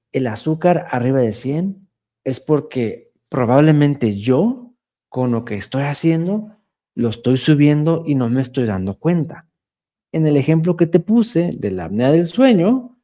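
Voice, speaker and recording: A man's voice: mid-range voice, warm tone. A man who works in diabetes care, explaining conversationally in a livestream and often checking in with "¿no?". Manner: explanatory, conversational, asks listeners "¿no?". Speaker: diabetes health educator. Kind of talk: livestream talk.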